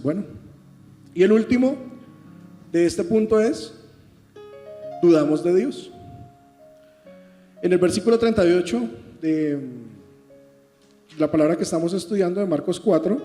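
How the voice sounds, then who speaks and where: A man preaches a sermon, teaching through rhetorical questions put to the congregation. His voice sits high and mellow. It rings with a long church-hall reverb over soft guitar music. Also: unhurried, pauses often.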